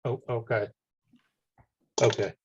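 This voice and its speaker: A man's voice: medium pitch, fairly even intonation, slow, a little mellow, slightly rough. Man on a lo-fi group voice call. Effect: heard over a group voice call. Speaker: hobbyist chat participant. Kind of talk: casual group call chat. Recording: dull lo-fi call audio.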